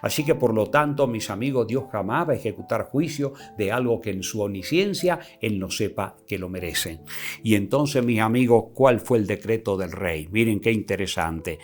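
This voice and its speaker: A man's voice: fairly low pitch, animated. Male preacher with a rising, swelling delivery. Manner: swells loud and slow when reading scripture, drops soft in reflection. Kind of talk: sermon.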